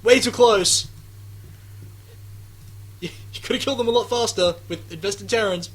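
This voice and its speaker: A man doing live esports commentary, chatty and sarcastic, who gets loud and excited during fights. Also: high voice, fast talker, breathy edge, rough recording. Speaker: game commentator.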